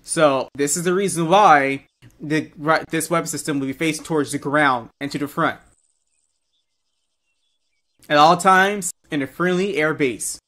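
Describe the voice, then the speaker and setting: A man's voice: fairly high pitch, moderate pace, pushed and bright. A man instructing trainees in a military roleplay game, directing and correcting them as he briefs. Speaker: military-sim drill instructor.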